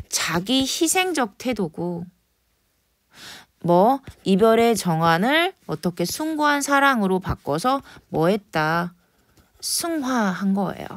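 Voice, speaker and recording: A woman teaches a poetry lesson in an animated way. She drops into whispers and quick asides, then slows right down to stress key words. The sound is dry and close, with no room around it. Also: mid-range voice, dry recording. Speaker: Korean literature teacher.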